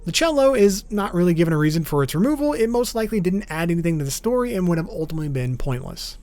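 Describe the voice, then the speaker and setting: Music runs beneath a man narrating an explainer video he hosts, his tone informal and matter-of-fact. He sounds high, sing-song, and a little mellow, moving at a quick pace.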